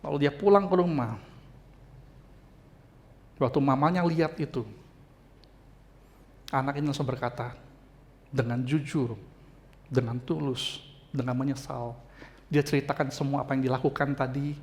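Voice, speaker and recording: A man's voice: medium pitch, steady tone, moderate pace, pauses often, darkish tone. A male pastor preaching a sermon, telling a story expressively and speaking heartfelt to the congregation.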